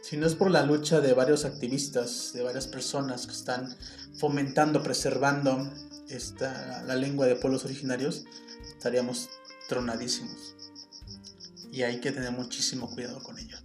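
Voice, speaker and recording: Thinking out loud on his solo podcast, a host with a Mexican Spanish accent sounds earnest and opinionated, with small restarts along the way. His mid-range voice shows little pitch movement at a normal speed, recorded in a roomy space with faint guitar in the background.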